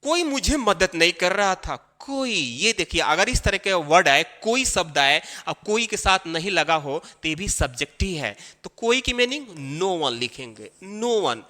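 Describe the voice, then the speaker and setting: Male teacher, animated and bright, walking through grammar step by step. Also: high-pitched. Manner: explains step by step, repeating key phrases slowly. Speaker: English teacher. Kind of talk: classroom grammar lesson. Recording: long hall reverb.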